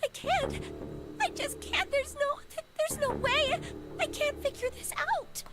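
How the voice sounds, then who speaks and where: A woman's voice: very high voice, takes it slowly, over loud music, pitched above the performer's own voice, full character voice. A woman voicing a terrified young girl who pleads and sobs, while reading a visual novel aloud. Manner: pleading, sobbing.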